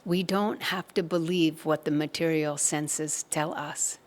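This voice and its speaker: Low-voiced woman leading a satsang. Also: steady tone. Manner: gentle, measured storytelling. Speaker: satsang speaker. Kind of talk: spiritual talk with storytelling.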